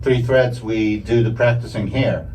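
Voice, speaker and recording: A man interviewing a guest in a casual tone, eager and quick to affirm with repeated yeahs. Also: fairly low pitch, darkish tone. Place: rehearsal studio. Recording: slightly distant mic with faint room noise.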